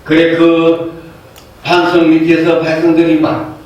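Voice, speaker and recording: A man's voice: on the high side, completely flat delivery, unhurried, a little mellow. A male pastor telling a Bible story as a sermon, conversational, with many hesitations and fillers. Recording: echoey hall heard from far off, faint background noise.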